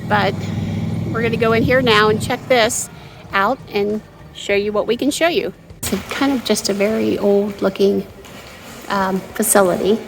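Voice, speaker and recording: A woman's voice: medium pitch, moderate pace, creaky, background noise. A woman hosting a travel vlog, explaining things conversationally and speaking straight to the viewers. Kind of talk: chatty travel vlog narration.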